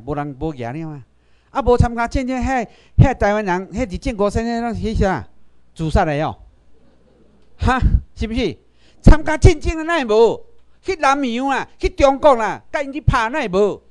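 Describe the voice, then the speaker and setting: A man with a Taiwanese accent gives a political lecture to a class, firing rhetorical questions and asking the audience to raise hands. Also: extremely high pitch.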